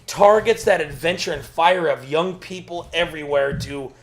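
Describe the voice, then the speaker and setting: A man's voice: fairly high pitch, moderate pace. A man in his thirties co-hosting a podcast in casual banter, rambling emphatically, repeating himself and swearing freely. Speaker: podcast co-host.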